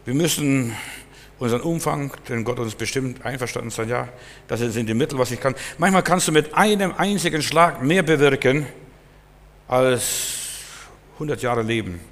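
A man preaching a sermon emphatically, acting out Bible scenes in different voices. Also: medium pitch. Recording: long hall reverb.

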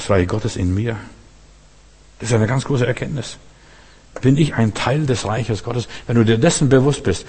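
A man's voice: on the low side, a little mellow, breathy edge, big-room sound. A man preaching a sermon, speaking straight to his listeners and driving points home by repeating them. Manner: addresses listeners directly, emphatic repetition.

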